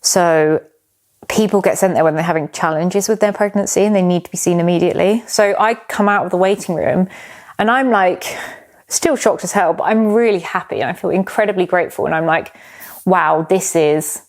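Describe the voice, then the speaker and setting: A woman's voice: lowish voice, brisk. A British woman in her thirties, hosting a solo podcast and telling a personal story in a candid, rambling way, sometimes teary. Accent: British English. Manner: rambling, candid, swears casually. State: emotional, tearing up. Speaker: podcast host.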